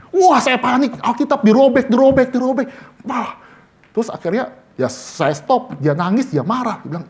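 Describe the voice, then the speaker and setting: A young man, a vicar, teaching a casual church Bible study, telling anecdotes with sudden high bursts and chuckles, dropping English words in. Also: a little mellow. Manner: drops English words into talk. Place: church hall.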